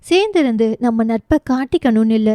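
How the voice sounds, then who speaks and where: Woman playing a firm loyal young woman friend in a storybook romance, earnest, mellow tone. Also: a little high, expressive, a little fast, dry recording, close to an everyday voice.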